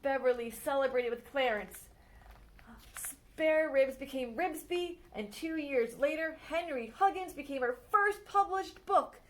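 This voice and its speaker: With a high voice, a woman librarian narrates a picture book biography for a young audience. She keeps the storytime reading expressive and slows it down when things get exciting.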